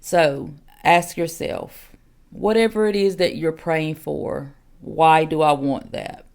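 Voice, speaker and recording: Gravelly-voiced woman in her forties teaching. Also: low voice, fairly even intonation, slow pace, a little mellow. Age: 40s. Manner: earnest, direct, many "um"s and repeated questions. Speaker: elder teaching on singleness. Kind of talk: podcast teaching talk.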